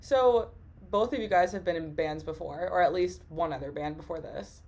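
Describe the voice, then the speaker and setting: A woman's voice: on the low side, moderate pace, a little mellow. A woman hosting a casual interview podcast, asking questions and giving frequent short acknowledgements. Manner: friendly, lots of listening sounds and short okays. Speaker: podcast host interviewing a band.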